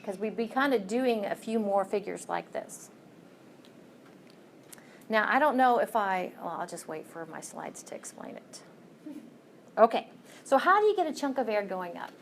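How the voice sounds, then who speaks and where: A woman's voice: mid-range voice, a little hiss or hum. A woman lecturing a college class, walking through each step and checking in with "okay?".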